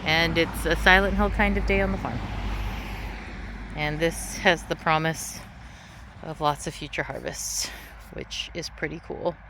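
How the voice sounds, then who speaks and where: Low-voiced woman outdoors, tractor rumbling behind. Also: fairly even intonation, unhurried. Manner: self-deprecating, easygoing, offhand. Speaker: gardener giving a farm tour. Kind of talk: casual rambling garden vlog narration. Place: outdoors in a farm garden. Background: tractor rumbling, vehicle noise.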